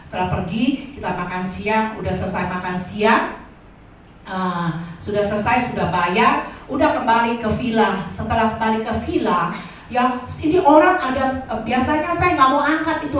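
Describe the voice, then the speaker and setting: A woman in her sixties giving a lively testimony at a worship service, acting out the voices in her story. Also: a little high, a little hiss or hum. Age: 60s. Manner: animated storyteller acting out dialogue. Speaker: church testimony speaker. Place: large church hall. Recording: echoey hall from far off.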